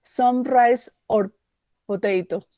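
A woman reads her English answer aloud in a virtual class, slow and halting. She restarts words as she goes. The sound is dry and close, as on a video call. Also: on the high side, mellow, no room sound. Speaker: student.

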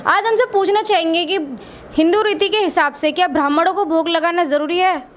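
A woman's voice: extremely high pitch, steady tone, fairly quick, slight background noise. A woman hosting a news channel, introducing a guest in a polite, formal announcer manner.

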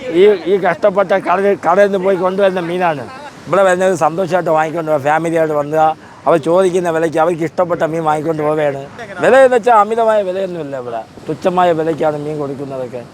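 A male fish seller with a Kerala Malayalam accent, giving loud, repetitive sales patter outdoors. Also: a little high, fast talker. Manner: loud repeated beckoning and listing. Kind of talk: street vendor sales patter. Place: outdoor beach fish market.

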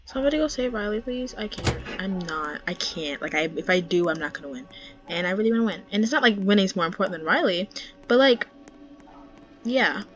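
A young woman giving casual game commentary with a friend, excitable, with sudden tense whispers. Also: medium pitch, a little fast, lo-fi sound, faint music behind. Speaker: gaming channel host.

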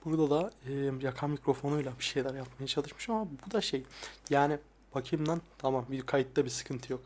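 A young man talking casually and softly, often swearing, as he looks back at his old videos. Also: moderate pace, pauses often. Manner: crude, frequent swearing; soft-spoken, dropping voice low at times. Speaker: ASMR YouTuber. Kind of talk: casual soft-spoken vlog. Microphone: lapel mic.

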